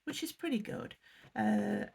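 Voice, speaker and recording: Here an English woman vlogs an unboxing, chatting casually as she goes through a snack box, reading the blurbs aloud and apologising for her pronunciation. Her medium-pitched voice is gravelly, husky and a little mellow, and she takes her time.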